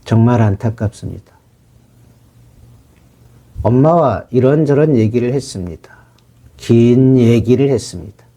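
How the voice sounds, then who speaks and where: Middle-aged man, very dark tone, husky, firm lecturing counselor. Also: mid-range voice, unhurried, long pauses. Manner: firm, lecturing, re-enacts his own stern talk. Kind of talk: spoken commentary on a counseling case.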